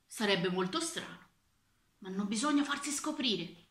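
A woman's voice: medium pitch, lively intonation, measured pace, a bit bright, reverberant. A woman voicing a worried, self-doubting male court official in a children's story read aloud. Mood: fretful.

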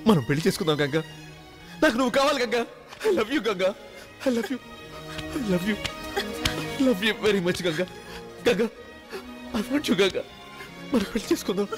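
Casting: an obsessive young man, high and lively voice, dramatic film scene with score. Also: normal speed, long pauses. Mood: pleading. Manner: pleading, then mocking. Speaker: film hero. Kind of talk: Telugu film drama acting. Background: film score music.

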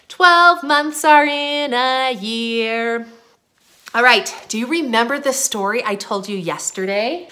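Young woman doing an online preschool class, gentle sing-song to little kids, bright tone. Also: mid-range voice. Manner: gentle, slow and sing-song, talking to small children. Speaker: preschool teacher.

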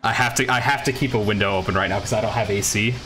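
A man's voice: fairly low pitch, steady tone, fast talker, sharp tone. A man from the US Midwest streaming a game, chatting casually with his chat, laughing often. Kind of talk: casual commentary while playing. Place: home room with a window open. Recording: game music playing underneath. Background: game music.

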